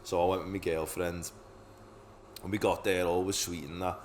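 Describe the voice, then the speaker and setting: Speaking at a moderate pace in a deep voice with little pitch movement, a young podcast co-host swaps stories in casual chat, swearing a lot and laughing often. A slight hiss or hum sits under the recording.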